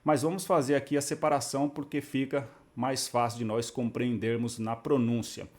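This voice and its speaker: A man giving a video lesson, explaining step by step with patient, methodical delivery and slowly spelling out syllables. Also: medium pitch, fairly even intonation, darkish tone. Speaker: Biblical Hebrew teacher.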